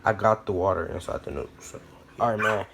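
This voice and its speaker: Gravelly and lowish, this young American man's voice stays steady at a quick pace while he narrates a cooking vlog at home. He talks casually in slang and repeats himself, and the clip carries noise and clicks.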